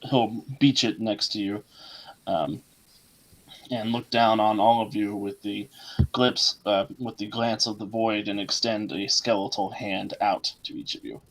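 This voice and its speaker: A man narrating a tabletop game as game master, descriptive and unhurried, with frequent fillers. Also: lowish voice, little pitch movement, fairly bright tone, low-quality recording.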